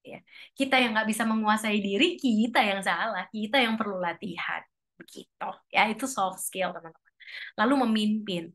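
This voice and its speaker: A woman's voice: moderate pace, fairly bright tone. A woman giving a casual, chatty talk to a church couples' group. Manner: chatty, acts out quoted lines in a higher voice. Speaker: speaker at a church couples' fellowship.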